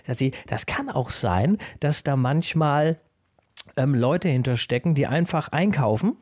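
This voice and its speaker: A man's voice: medium pitch, lively intonation, a little slow, darkish tone, dry recording, clean studio sound. A man co-hosting a podcast in a casual chat, musing and reflecting with a slightly hesitant delivery. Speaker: podcast co-host.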